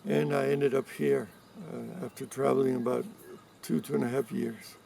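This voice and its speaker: A man in his seventies from Cuba, giving interview answers in a measured way with pauses and restarts. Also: mid-range voice, little pitch movement, gravelly, crowd noise. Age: 70s. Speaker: interviewee, environmental activist. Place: rural farm in mountains. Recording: distant mic with faint background noise.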